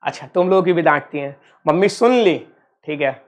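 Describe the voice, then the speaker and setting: In a voice on the high side, expressive and at normal speed, a man from Uttar Pradesh, India, teaches physics in an online exam-prep lecture. His style is playful and teasing, and he refers to his students as kids.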